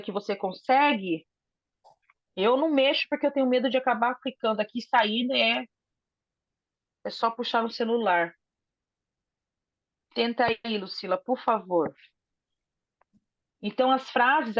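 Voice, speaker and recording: A woman's voice: medium pitch, no room sound. A woman teacher giving an online class by video call from her phone. She explains patiently and often tags her points with a question. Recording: dull lo-fi phone audio, dry.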